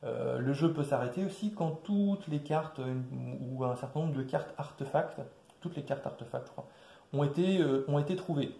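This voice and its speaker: A man casually walking through a board game's rules, with many fillers and restarts, recorded quietly in an echoey room. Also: normal speed, vocal fry. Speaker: board game presenter. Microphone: quiet distant mic. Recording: echoey room, low level.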